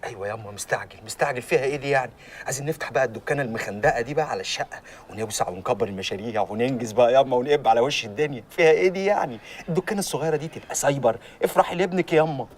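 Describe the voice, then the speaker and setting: A man's voice: mid-range voice, very fast, close to an everyday voice. An actor playing a greedy, pushy son with an Egyptian accent, eagerly coaxing his mother. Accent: Egyptian Arabic. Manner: eager, wheedling.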